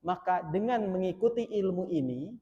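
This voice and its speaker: A man with a fairly high voice gives a sermon in a mosque hall with a long reverb. He chants verses loudly, then drops into soft, playful explanations for the congregation. The hall gives his voice a roomy, echoing ring. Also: animated, moderate pace, dull audio. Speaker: preacher. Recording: echoey hall from a distance.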